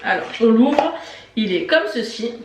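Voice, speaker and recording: A woman's voice: fairly high pitch, expressive, measured pace, distant mic, slight background noise. Chatty woman unboxing beauty products. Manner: chatty, enthusiastic, many fillers and repeated "très très". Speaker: beauty vlogger. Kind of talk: casual unboxing review. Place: indoor room with shelves of lipsticks behind. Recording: echoey room.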